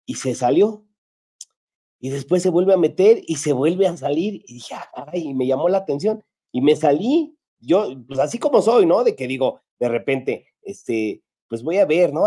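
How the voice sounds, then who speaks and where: A man's voice: on the high side, warm tone, breathy edge. A man with a Mexican accent, a paparazzo host, telling a story in casual chat with many restarts and fillers.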